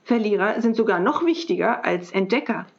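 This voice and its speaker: A woman reading aloud and voicing a cheerful, cheeky little girl inventor in a bright, excited, quick voice. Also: medium pitch, creaky. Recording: dull lo-fi recording.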